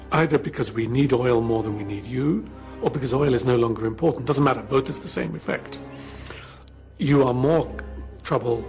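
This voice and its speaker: A man giving measured interview commentary, arguing point by point. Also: medium pitch, creaky.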